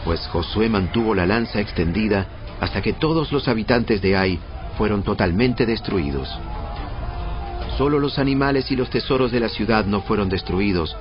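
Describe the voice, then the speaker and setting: A man narrating a dramatized audio Bible in a measured storytelling delivery. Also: fairly low pitch, animated. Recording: muffled band-limited audio. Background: prominent background music.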